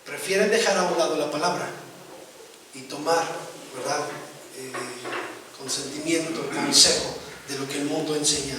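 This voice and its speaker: A male pastor with a high voice delivers a sermon, stressing points and checking in with his listeners. He sounds far from the mic in a very echoey church hall. Steady room noise sits under him. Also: moderate pace. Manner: preaching with rising emphasis and frequent "¿verdad?" asides.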